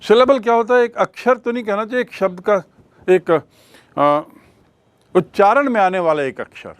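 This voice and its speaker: A man's voice: sits high, normal speed, dry recording. A man teaching an English grammar lesson, explaining in Hindi mixed with English, repeating his questions and spelling words out letter by letter.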